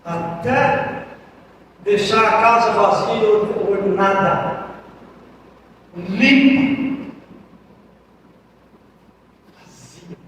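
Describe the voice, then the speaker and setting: A man with a very high voice preaches an impassioned sermon, rising to cries and dropping to near whispers. The sound is from a church sanctuary, with heavy echo and a long reverb trailing after each phrase. He sounds set back from the mic, over a faint background hiss. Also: very slow, pauses often, distant mic. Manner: impassioned preaching, swinging between shouts and hushed pleas. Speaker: pastor. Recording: echoey church hall, mic heard from afar.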